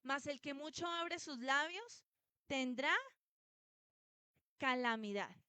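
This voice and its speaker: A woman's voice: high-pitched, lively intonation, slow, pushed and bright, dry recording. A woman preaching a sermon to a church congregation, telling stories and putting questions to her listeners. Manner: storytelling, asks the congregation questions.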